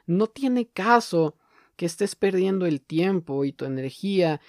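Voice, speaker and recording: Man, reflective solo talk, warm dark timbre, dry close sound; leans on rhetorical questions, drags out words for weight. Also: high voice, expressive, dry recording. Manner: thoughtful, poses many rhetorical questions; slows down to stress key words. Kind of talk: reflective monologue.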